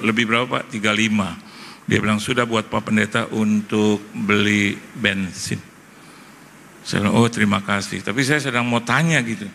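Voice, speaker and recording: A man's voice: lowish voice, vocal fry, bright, forceful tone, long reverb tail, a little hiss or hum. A middle-aged man, preaching a testimony as a pastor, acting out both sides of the dialogue. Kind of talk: sermon testimony.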